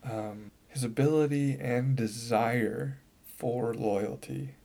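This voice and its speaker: A man's voice: medium pitch, fairly even intonation, slow, gravelly, mellow. A man co-hosting a casual podcast, thoughtfully breaking down a movie character. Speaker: podcast co-host. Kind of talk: casual chat.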